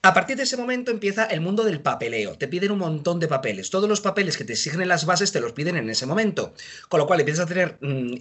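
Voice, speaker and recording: A quick-talking man in his thirties tells self-mocking anecdotes with lively energy. His voice is slightly high and husky, and the words tumble out rapidly. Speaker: judge. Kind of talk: casual interview storytelling.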